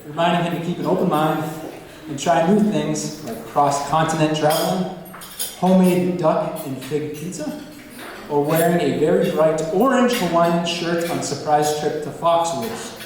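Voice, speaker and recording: A man's voice: a little high, moderate pace, a little hiss or hum. A man giving a prepared best man's speech to wedding guests. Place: large indoor reception venue. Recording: echoey hall, distant, loud crowd.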